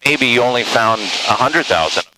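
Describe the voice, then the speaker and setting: A man chatting casually as a guest, laid-back and deadpan, with many fillers. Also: mid-range voice, moderate pace. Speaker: comedian guest. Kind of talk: casual joking chat. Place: small plane in flight. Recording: loud engine noise behind.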